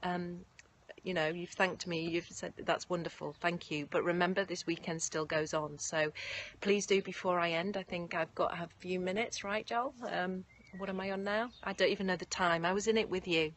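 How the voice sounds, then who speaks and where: A woman teaching yoga nidra outdoors, who guides a meditation and then chats to her live viewers in a gentle, effusive way. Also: lowish voice, fairly even intonation, moderate pace. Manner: gentle, effusive, often laughing. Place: outdoors in nature. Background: faint birds and distant traffic.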